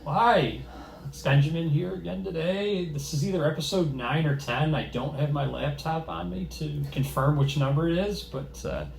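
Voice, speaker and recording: A young man with a Michigan accent hosting a casual podcast chat, relaxed and full of fillers. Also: a little high, gravelly, roomy sound. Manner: relaxed, filler-heavy, quick bursts. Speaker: podcast host. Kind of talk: casual conversation. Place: room in a Seattle lodging.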